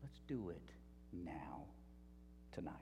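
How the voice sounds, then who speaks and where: Earnest low-voiced male preacher. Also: big pitch swings, slow, creaky, noisy background. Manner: earnest, repeats himself, drops to a near whisper. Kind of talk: sermon.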